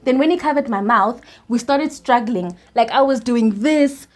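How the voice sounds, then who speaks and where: A young South African woman with a South African accent, telling a personal story in a storytime vlog, animated and laughing often between restarts. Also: fairly high pitch, moderate pace. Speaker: YouTuber.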